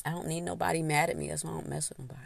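A woman hosting a podcast, telling a story in a casual, animated way, laughing and snacking as she talks. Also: rapid-fire, vocal fry, no echo. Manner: animated, laughs often, acts out quotes in high voices; eats while talking. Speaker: podcast host.

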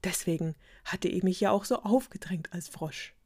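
A woman voicing an eager young prince, excited and loud, in a spoken fairy tale. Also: fairly low pitch, moderate pace, husky.

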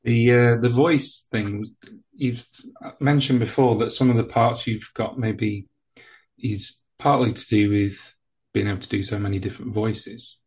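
Low, husky-voiced male host asking hesitant, polite interview questions. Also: steady tone, unhurried, a little mellow, poor audio. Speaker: podcast host.

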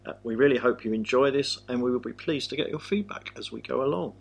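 English guy hosting a home podcast, kinda husky, dry humor. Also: mid-range voice, quick pace. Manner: dry and self-deprecating. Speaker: podcast host.

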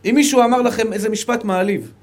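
A male rabbi with an Israeli accent giving a fervent Torah lecture, dropping to soft low asides and then rising to emphatic calls.

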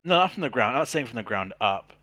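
A man's voice: medium pitch, very animated, fast talker, bright, forceful tone. A man co-hosting a podcast, chatting casually with friends. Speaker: podcast co-host. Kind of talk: casual banter.

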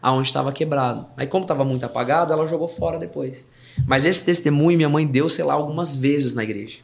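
A man with a Brazilian Portuguese accent, a worship pastor and podcast guest, telling a story in a casual, animated, slangy way and acting out the people in it. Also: fairly high pitch, fast talker, vocal fry. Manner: animated, acts out remembered dialogue in his story; slangy, informal. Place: podcast studio.

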